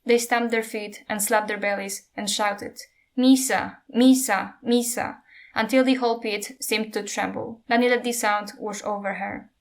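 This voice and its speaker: A woman reads a novel aloud in a measured way and adds her own wry comments between passages. Her voice sits at an ordinary middle pitch. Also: level tone. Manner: measured narration, wry asides. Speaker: book reader and commentator.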